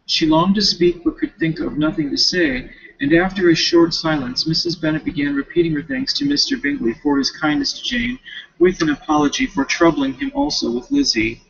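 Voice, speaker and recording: At a normal speed, a male student with a lively, high, somewhat creaky voice reads from a novel and tosses in offhand remarks. His reading is expressive, with occasional stumbles, captured on a dull, lo-fi recording.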